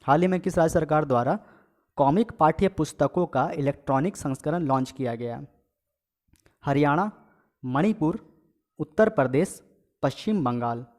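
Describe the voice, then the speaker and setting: A man's voice: fairly high pitch, lively intonation, normal speed, pauses often, a little mellow. A man teaching an exam-prep quiz lesson, reading each question and its options aloud, then giving and repeating the answer with frequent "okay" checks to his viewers. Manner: addresses viewers as friends and guys.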